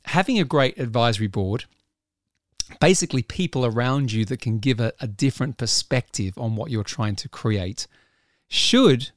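A man hosting a solo business podcast, talking casually with a husky voice from a frog in his throat. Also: medium pitch, dry recording, clean studio sound. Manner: conversational, clears throat, occasional laughs. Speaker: podcast host.

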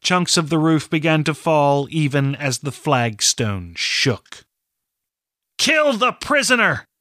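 A man reading a fantasy novel aloud as narrator, in a measured, steady storytelling manner. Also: fairly high pitch, dry recording, clean studio sound. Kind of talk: scripted audiobook narration.

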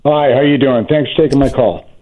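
A man's voice: mid-range voice, fairly even intonation, brisk. A man calling in to a radio advice show over the phone, asking questions politely and apologizing when he cuts in. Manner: polite, asks plain questions, apologizes for interrupting. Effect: phone line on air. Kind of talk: casual phone call.

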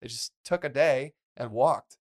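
A man's voice: medium pitch, measured pace. A man co-hosting a podcast, his voice sitting in a plain middle register. He talks in a loose, rambling way, circling back with fillers and restarts as he works through his thoughts. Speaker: podcast co-host. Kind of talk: casual podcast chat.

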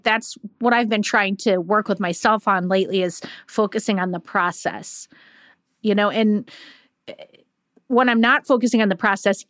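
A woman's voice: mid-range voice, fairly bright tone, no echo. Woman co-host, casual and encouraging, dry close sound. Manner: supportive, frequent "yeah", thinks aloud. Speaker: podcast co-host. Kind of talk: casual chat.

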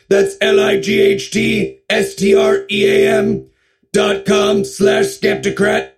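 Man doing a flat gravelly form-hungry robot. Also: sits high. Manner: monotone, stilted machine speech. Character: robotic male loan-form bureaucrat machine, menacing.

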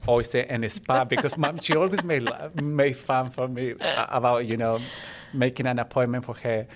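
A man from Chile, a native Spanish speaker with a Chilean accent, chatting warmly as a podcast guest and making small grammar slips. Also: mid-range voice, fairly even intonation, moderate pace. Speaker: guest, international student. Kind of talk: casual personal storytelling.

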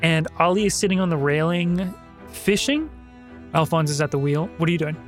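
A man with a fairly high voice acts as game master of a casual tabletop game. He talks in a bantering way, explaining rules and rulings, with faint music behind him. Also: animated, moderate pace. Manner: bantering, mock-exasperated.

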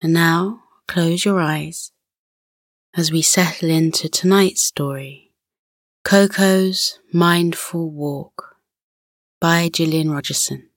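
Slow, soothing woman sleep story narrator. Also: fairly low pitch, steady tone, no echo, clean studio sound. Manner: soothing, gentle, unhurried guided-relaxation delivery. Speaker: host and narrator of children's bedtime story podcast.

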